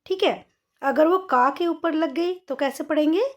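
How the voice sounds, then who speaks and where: A woman teaches small children to read, her voice pitched high and her pace slow and deliberate. She sounds out each word carefully and says it a second time so the class can follow. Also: a little mellow. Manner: patient, repeats each word twice slowly. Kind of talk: children's Hindi reading lesson.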